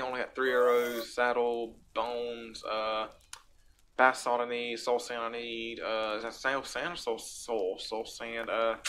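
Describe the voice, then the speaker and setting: Bright-voiced excitable gamer man. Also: medium pitch. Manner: excitable, swings from mutters to loud outbursts. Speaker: gaming YouTuber. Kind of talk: casual let's-play commentary. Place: home room. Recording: faint background noise and clicks.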